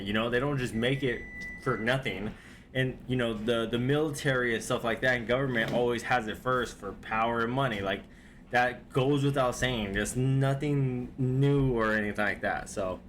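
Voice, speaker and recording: A man talks his way through a string of video clips at home, loose and unhurried, circling back with plenty of filler words. His voice sits at an ordinary middle pitch, and a faint hiss runs under the recording. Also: a bit bright. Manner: rambling, laid-back, heavy with fillers. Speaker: reaction video host. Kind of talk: casual reaction commentary.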